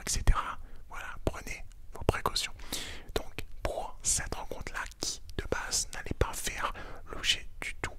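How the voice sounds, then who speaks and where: A man speaks entirely in a soft, unvoiced whisper. He sounds very close, right in your ear, in an intimate ASMR style. He hosts a relaxed sports debrief, talking the listener through it quietly. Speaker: ASMR video creator and host.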